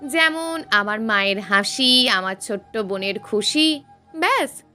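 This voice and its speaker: A woman voicing a shy, polite young male college student who speaks softly and formally. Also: fairly high pitch, lively intonation, measured pace, soft background music, pitched below the performer's own voice. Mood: gentle. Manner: meek, soft-spoken, formal.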